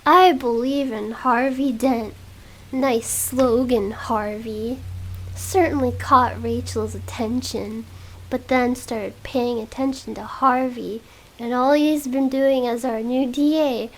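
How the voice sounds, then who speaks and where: Woman whispering as a smooth playboy. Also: fairly high pitch, fairly even intonation, slow pace, poor audio. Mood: teasing. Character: smooth rich young playboy man. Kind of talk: whispered role-play.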